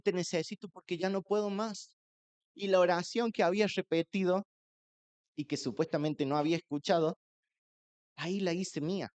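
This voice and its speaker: A man's voice: sits high, darkish tone, smooth. A man, a pastor with a Rioplatense Spanish accent, sharing an earnest, emotional personal testimony in church.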